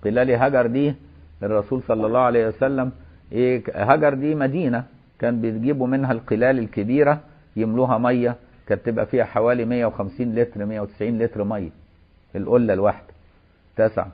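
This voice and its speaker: An Egyptian-accented man teaches at a quick clip, reciting a formal text and then breaking into chatty colloquial asides. His voice comes through a thin, phone-like recording with little low end. Mid-pitched and steady, he sounds like a religious teacher working through a lesson. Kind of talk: reading a classical text aloud and explaining it.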